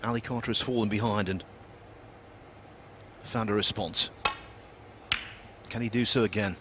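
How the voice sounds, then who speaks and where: A man giving live snooker commentary in a measured, analytical way. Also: lowish voice, fairly even intonation. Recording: crowd and noise behind the voice. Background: arena crowd ambience.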